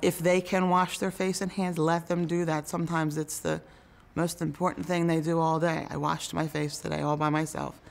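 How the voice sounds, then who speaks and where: Creaky-voiced woman care aide. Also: deep voice, little pitch movement, normal speed. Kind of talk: interview answers. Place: indoor care facility lounge.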